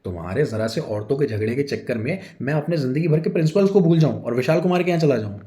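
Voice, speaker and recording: A man's voice: medium pitch, sing-song, moderate pace, dark tone, voice pushed up, lightly acted. A man voicing a sly middle-aged husband who stammers through nervous excuses to his wife. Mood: defensive.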